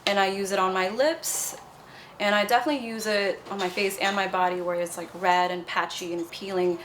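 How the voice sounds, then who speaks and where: A woman's voice: mid-range voice, fairly even intonation, brisk, fairly bright tone. Young woman from nepal chatting about her brand, bubbly and chatty, faint hiss behind. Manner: bubbly, chatty, fond of fillers like "you know". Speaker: cosmetics brand founder. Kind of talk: casual interview answers.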